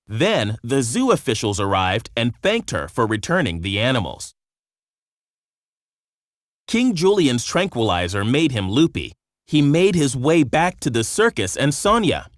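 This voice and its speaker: In a clean studio recording free of room sound, a mid-range male voice narrates a scripted children's storybook. He tells it expressively and at a measured pace.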